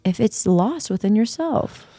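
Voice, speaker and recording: A woman's voice: medium pitch, expressive, measured pace, warm tone, no room sound. A woman in a casual spiritual chat, speaking in a reflective, searching way with many fillers.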